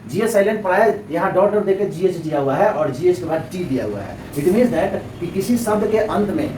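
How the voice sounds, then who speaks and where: A man's voice: high-pitched, expressive, fairly quick, darkish tone. A man explaining an English lesson, asking and answering his own questions and repeating each point. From India. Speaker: English teacher. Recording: roomy echo, distant mic, faint noise.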